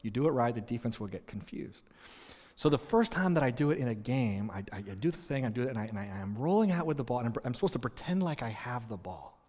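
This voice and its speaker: A pastor telling stories in a conversational sermon, with many restarts and an animated delivery. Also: male voice, mid-range voice, fast, hardly any pauses. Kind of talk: sermon with storytelling. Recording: long reverb in a large hall.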